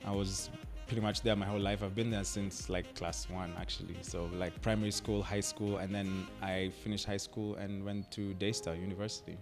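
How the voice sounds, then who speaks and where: Music plays in the background as a young Kenyan actor, a guest on the radio, speaks in a low-pitched voice at normal speed. It's a relaxed, casual conversation, punctuated by frequent laughter and plenty of "like" and "I mean."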